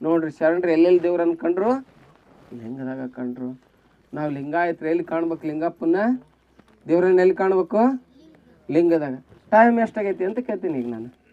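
North karnataka man, devotional storytelling for kids, high voice, dry sound, keeps quizzing the crowd. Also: moderate pace, pauses often, no room sound, highs cut off. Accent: North Karnataka Kannada. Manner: keeps asking the audience questions. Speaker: speaker at a children's devotional program.

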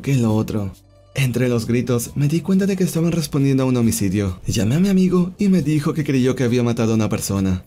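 A male storyteller reads out online anecdotes with a lively, swinging intonation and a mellow, relaxed timbre. He narrates in a scripted, animated way, dipping into quoted voices as he goes. Faint music plays softly underneath. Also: mid-range voice. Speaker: storyteller, channel host.

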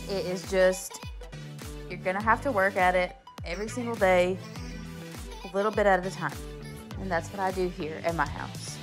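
A woman in her thirties, a mother, chatting casually and encouragingly as she narrates her cleaning routine, with frequent "um"s. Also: mid-range voice. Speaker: cleaning vlogger, mom.

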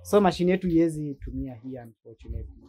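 With a quick, animated delivery, this Kenyan man speaks in a higher-than-average voice that is dark and husky. As a content creator and machine seller, he chats loosely and demonstrates products in slangy, language-switching speech.

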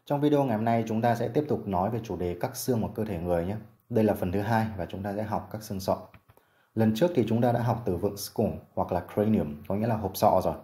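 A man leads a vocabulary lesson in a low, mellow voice. He paces his explanations evenly and slows right down when modeling words. The room around him has a noticeable echo. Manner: slow careful pronunciation drills. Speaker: medical English teacher.

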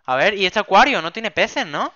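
Bright high-voiced man gaming. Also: normal speed, lo-fi sound. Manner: excitable, chatty, repeats words. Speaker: gaming youtuber. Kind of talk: game role-play commentary.

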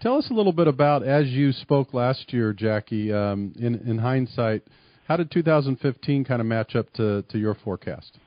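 A man's voice: medium pitch, animated, normal speed, no room sound, muffled recording. A man hosting a radio talk show, asking casual questions with plenty of fillers.

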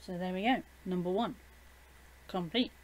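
A woman's voice: on the low side, normal speed, a little hiss or hum. A young woman with a British accent, chatting casually as a YouTuber in a home vlog, filling gaps with "basically" and "um".

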